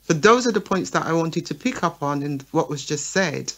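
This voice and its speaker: This talk show co-host and promoter shares a radio program and makes her points in a lively way, often checking in with listeners by asking "right?" and "okay?". Her voice is low-pitched and her pace moderate.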